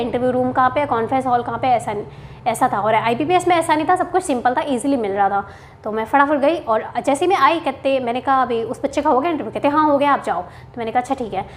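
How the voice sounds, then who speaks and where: A young woman from Haryana tells her interview story in a chatty, casual vlog. Her voice sits high, and she keeps slipping English phrases in with quick asides to her viewers. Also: a little hiss or hum. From Haryana, India. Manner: chatty, mixes Hindi and English, frequent "theek hai" asides. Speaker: bank officer sharing interview experience.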